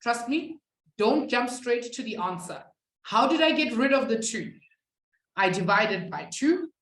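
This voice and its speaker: A young woman who isn't a native English speaker teaches a live online maths class from her webcam, chatting with students. Her fairly high voice is sing-song and a bit bright at a measured pace, though the audio is reverberant and poor. She's chatty, reads out the student chat and laughs at herself.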